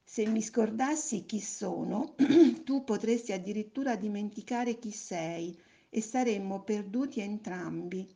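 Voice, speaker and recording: A woman doing a gentle, patient friendly soul. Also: medium pitch, unhurried, close to an everyday voice. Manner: calm, gentle, explaining. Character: kind, patient friendly soul, a sexless spirit. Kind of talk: storybook reading.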